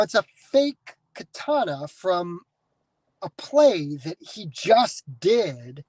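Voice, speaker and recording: On a dry, low-quality recording, an American podcast host with a voice that sits high goes on a casual, wandering monologue. He swears freely and restarts his sentences again and again.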